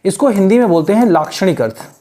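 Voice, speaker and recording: A man giving a classroom lecture as an English teacher, explaining patiently in mixed Hindi and English and spelling words out slowly. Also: high-pitched, lively intonation, mellow. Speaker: English teacher for exam aspirants.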